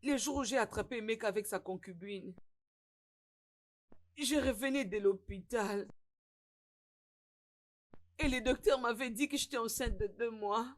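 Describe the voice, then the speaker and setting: A woman's voice: fairly high pitch, unhurried, long pauses, lightly acted. A woman dubbing a wounded young ex-wife, proud and grieving, with earnest, emotional delivery in a French-dubbed film drama. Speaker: caterer, ex-wife.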